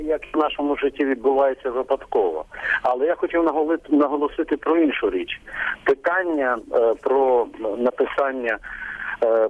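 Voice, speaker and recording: A man's voice: mid-range voice, no room sound. A man, a choir conductor, speaking as a phone guest on a radio interview, frankly explaining his view with everyday comparisons. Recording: dry, tinny phone line.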